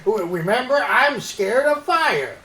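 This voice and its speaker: Lady doing a nervous monkey uncle for a kids puppet show, slow n really swoopy, deliberate storyteller. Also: fairly high pitch, exaggerated voice, poor audio. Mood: anxious. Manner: slow, deliberate, expressive delivery for children. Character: Uncle Ed, timid male puppet monkey, science-loving storyteller. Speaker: storyteller and co-host.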